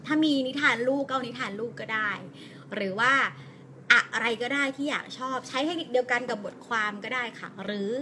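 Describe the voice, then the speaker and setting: A woman teacher with a Thai accent speaks in a bright, slightly high voice. She talks in an encouraging, chatty way to viewers of a live lesson and reads aloud slowly, pausing at each comma and full stop. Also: a little hiss or hum. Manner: slow, deliberate reading aloud with pauses at punctuation. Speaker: English teacher. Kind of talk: live-streamed language lesson.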